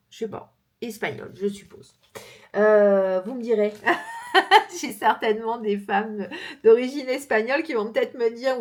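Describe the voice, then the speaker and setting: A woman crochet vlogger from France chatting casually as she shows her books, with frequent fillers and easy laughter. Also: fairly high pitch. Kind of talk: casual chat showing books.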